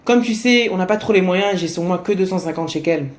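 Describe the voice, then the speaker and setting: Humble husband, soft and polite, earnest; a man voices him. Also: sits high, fairly quick, close to an everyday voice. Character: humble religious husband, gentle and modest.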